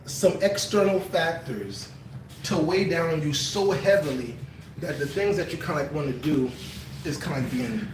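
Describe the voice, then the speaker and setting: A man's voice: fairly high pitch, moderate pace, recorded from a distance, noisy background. Man explaining fitness in an echoey room. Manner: explanatory, uses fillers like kinda. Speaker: fitness explainer in podcast chat. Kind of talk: casual chat. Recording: echoey room, voice set back from the mic.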